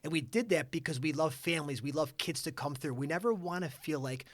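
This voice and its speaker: A man, a chiropractor, talking as a guest in a casual podcast chat, energetic and full of stories. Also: on the high side, fairly quick, no echo, clean studio sound. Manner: energetic storyteller.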